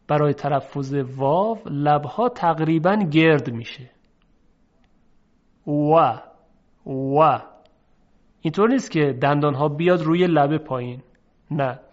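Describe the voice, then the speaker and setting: A man teaching Quran recitation, explaining how letters are pronounced and stretching out example sounds slowly for his students to repeat. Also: fairly high pitch, a little mellow, highs cut off. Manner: slow, drawn-out demonstration of sounds. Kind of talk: lesson on letter pronunciation.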